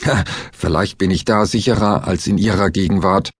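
A man's voice: deep voice, moderate pace, breathy edge, no room sound. A man voicing a coarse, overweight male lawyer who whines and curses indignantly, in an audiobook thriller. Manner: whiny, indignant, cursing.

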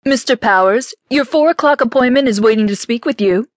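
A man's voice: very high-pitched, brisk, dry recording, studio quality, pitched above the performer's own voice. A man narrating an audiobook, voicing a motherly secretary in her late fifties who speaks politely and professionally. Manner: professional, gently admonishing.

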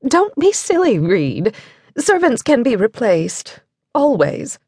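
A woman reading a novel does a haughty young society lady with a brittle, teasing edge. Her voice sits higher and lilting. The sound is dry and close. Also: huge pitch swings, takes it slowly, a little mellow, husky, no room sound, heavily acted. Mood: cold.

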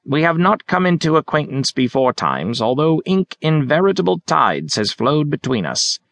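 A narrator putting on a quaint, stooped old gentleman who speaks in courtly archaic flourishes, lifting his voice well above the storyteller's own. The delivery is theatrical and elaborate, as if quoting an old play. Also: a little high, sing-song, moderate pace, vocal fry, no echo, pitched above the performer's own voice, full character voice. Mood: florid. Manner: florid, mock-Shakespearean, courtly.

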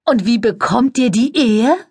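A woman's voice: lively intonation, a little mellow, breathy edge, dry recording, clean studio sound, exaggerated voice. A woman voicing a flamboyant, effusive female press agent who squeals and stretches out her endearments. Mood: gushing. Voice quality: shrill, squealing. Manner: drawn-out gushing endearments.

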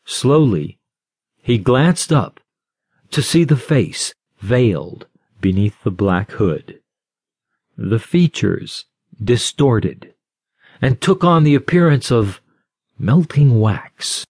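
A man giving a scripted audiobook narration in a slow, measured storytelling manner. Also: mid-range voice, very animated, a little mellow, husky, no room sound, studio quality.

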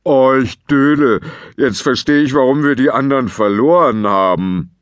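A man voicing a dim, cheerful big-brother giant in a children's audiobook, speaking slowly, loudly and simply. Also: mid-range voice, dry recording, close to an everyday voice. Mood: sheepish. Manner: slow, loud and simple.

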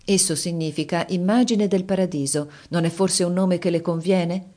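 A woman's voice: lowish voice, normal speed, warm tone, natural voice. A woman reading an eager, dreamy male officer. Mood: earnest.

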